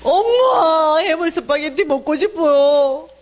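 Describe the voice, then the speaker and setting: A woman's voice: sits high, fairly even intonation, moderate pace, pitched above the performer's own voice, natural voice. A woman voicing her teenage daughter, who is stubborn and pleads in a whiny tone. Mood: sobbing.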